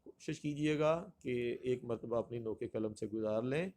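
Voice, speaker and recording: Man drilling pronunciation in a slow lecture. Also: medium pitch, darkish tone. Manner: stretches and repeats words to drill their pronunciation; addresses students formally and courteously. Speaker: Urdu teacher. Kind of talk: exam-prep grammar lecture.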